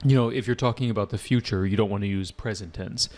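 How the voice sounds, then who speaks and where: A man's voice: on the low side, fast talker, a little mellow. A man teaching an IELTS class live online, casual and often checking with his students. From United States. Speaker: IELTS tutor.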